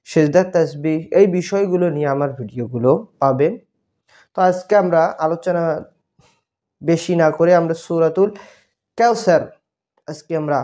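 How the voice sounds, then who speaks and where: A man teaching Quran recitation, spelling out syllables and repeating each word slowly, with drawn-out vowels. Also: on the high side, mellow. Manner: chants Arabic words with drawn-out vowels.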